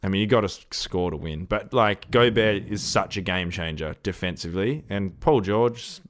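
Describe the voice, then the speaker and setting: Deep-voiced Australian man talking sport. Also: normal speed. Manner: blunt, slangy, opinionated. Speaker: podcast co-host giving opinions. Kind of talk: casual sports chat.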